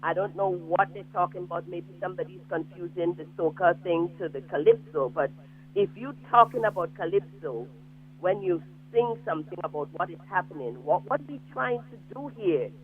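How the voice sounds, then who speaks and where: A man's voice: high-pitched, animated, moderate pace, slightly rough. A man calling in to a radio show over a phone line, making his point emphatically and insistently. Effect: speaking over a phone line. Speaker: radio caller. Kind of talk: call-in opinion. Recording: tinny muffled phone line.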